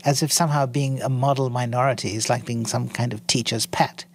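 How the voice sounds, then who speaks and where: An Indian man in his sixties, appearing as an interview guest, speaks articulately and in a measured way, often pausing with ums and restarting sentences. His voice is mid-range with a steady tone.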